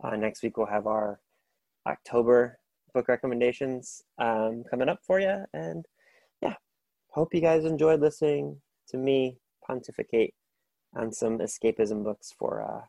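A gravelly, mellow, medium-pitched male voice at a measured pace belongs to a solo book podcast host. He recommends books casually and with enthusiasm, rambling through plenty of fillers and restarts, with no echo present.

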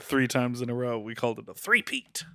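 A man's voice: mid-range voice, fairly even intonation, fairly quick, fairly bright tone, dry recording, clean studio sound. A man co-hosting a podcast, chatting casually and comedically in a sassy, campy drag-queen manner. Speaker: podcast co-host.

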